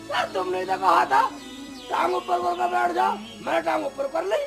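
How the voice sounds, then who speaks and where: A squeaky, gravelly comic fool, a young son-in-law who takes every word literally and talks back cheekily. His voice leaps very high and swings all over. Music plays behind him. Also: moderate pace, heavily acted. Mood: cheeky. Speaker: comic lead.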